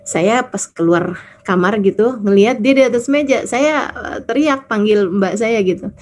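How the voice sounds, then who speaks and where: A woman's voice: medium pitch, moderate pace. A woman preacher from Indonesia, giving a casual religious talk and telling stories, acting out the people she quotes. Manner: chatty, animated storytelling, acts out quoted people.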